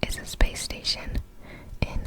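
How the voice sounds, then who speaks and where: A woman whispers softly and breathily throughout, ASMR style, reading facts very slowly in short, halting phrases. She sounds apologetic and tends to stumble over difficult words. The recording is low-quality.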